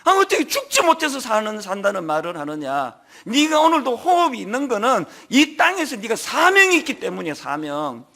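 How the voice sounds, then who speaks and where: Middle-aged guy pastor preaching, high gravelly voice, swings up and down a lot. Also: normal speed, hardly any pauses. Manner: animated storytelling with emphatic swings in pitch and loudness. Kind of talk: sermon. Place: large church sanctuary.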